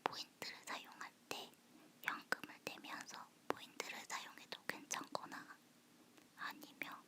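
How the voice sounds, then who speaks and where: A woman chatting in a soft, close ASMR whisper, as if leaning in to the listener. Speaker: ASMR host. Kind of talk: whispered ASMR personal chat.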